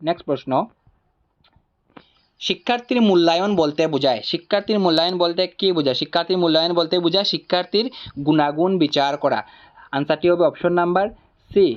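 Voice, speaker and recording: A man's voice: on the high side, dull audio. Man tutor reading exam answers. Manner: repeats each answer option deliberately.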